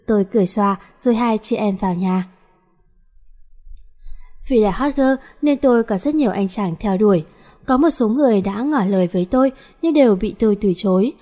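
Woman narrating in first person, mellow voice. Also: medium pitch. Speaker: audiobook narrator.

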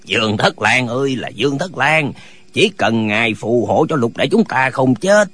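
A man's voice: medium pitch, big pitch swings, moderate pace, a bit bright, breathy edge. A man voicing a band of quarrelsome, dim-witted old martial immortals in a radio drama, arguing pedantically. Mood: bickering.

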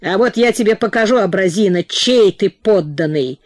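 A woman's voice: medium pitch, animated, moderate pace, darkish tone, dry recording, natural voice. Give me a woman playing a coarse, furious rich man in an audiobook, barking orders, recorded dry and close. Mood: raging. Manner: coarse, commanding. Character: furious drunk male mine owner, coarse and bossy.

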